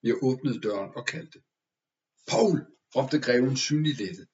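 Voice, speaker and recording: A man reading a first-person story aloud in a measured, expressive way. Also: mid-range voice, lo-fi sound. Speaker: audiobook narrator. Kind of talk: scripted story narration.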